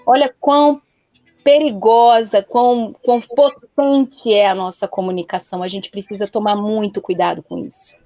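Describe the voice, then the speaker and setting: A woman's voice: mid-range voice, fairly even intonation, normal speed, warm tone, dry recording, faint music behind. A woman guest on a live talk show who gives counsel in an earnest, emphatic way and repeats her warnings to stress them.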